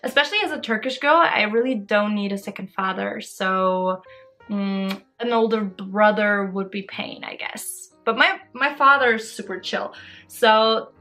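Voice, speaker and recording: A woman's voice: mid-range voice, measured pace, pushed and bright, soft background music. A woman in her twenties answering fan questions in a casual, bubbly and giggly vlog chat. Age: 20s. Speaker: social media creator.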